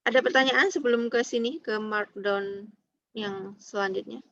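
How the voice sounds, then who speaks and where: A woman's voice: medium pitch, fairly even intonation, normal speed, fairly bright tone, dry recording. Patient woman lecturing over a dull line. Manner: patient, explains step by step, tags lines with "ya" and "gitu". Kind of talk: online accounting lecture. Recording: dull lo-fi online call audio.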